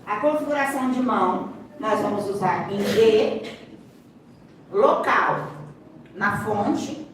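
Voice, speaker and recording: A woman's voice: medium pitch, slow pace, long pauses. A woman with a Brazilian Portuguese accent gives a live seminar explanation as a speaker and sign language interpreter. She is instructive, keeps pointing the audience to the demonstration, and adds playful asides. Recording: very echoey hall, distant mic, faint room noise.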